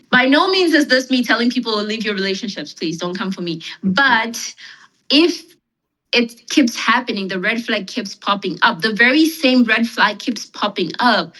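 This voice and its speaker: Woman guest, South African accent, bright and forceful, loose filler-heavy explainer. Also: fairly high pitch, low-quality recording. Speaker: podcast guest. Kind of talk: casual explanatory chat.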